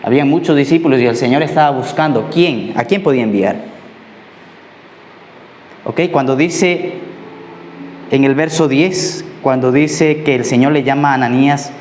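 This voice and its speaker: A man delivers a sermon in a relaxed, conversational way, often pausing to check that his listeners follow. His voice sits at an ordinary middle pitch. The recording carries the echo of a church hall with faint ambient noise behind him. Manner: conversational preaching, often asks "¿Ok?". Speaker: pastor.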